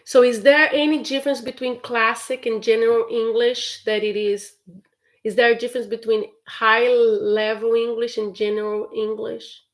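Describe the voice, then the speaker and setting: A native Portuguese speaker with a Brazilian accent, this woman has a slightly high voice, a flat delivery, and a moderate pace. She's an English teacher fielding questions in a live stream Q&A, chatty and encouraging, and she laughs often.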